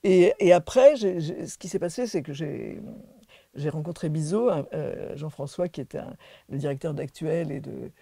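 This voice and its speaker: Animated, laughing woman telling stories. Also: deep voice, moderate pace, creaky, breathy edge, dry recording. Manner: animated storyteller, laughing, many restarts. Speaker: singer, interview guest. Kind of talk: casual interview chat.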